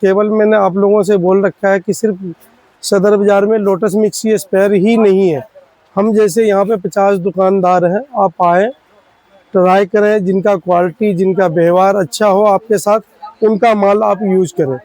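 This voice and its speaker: Man, shop owner, pleading and repetitive pitch, high voice, dry close sound. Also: fairly even intonation, normal speed, darkish tone, dry recording, rough recording. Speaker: spare parts shop owner. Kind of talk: product explainer to shopkeepers.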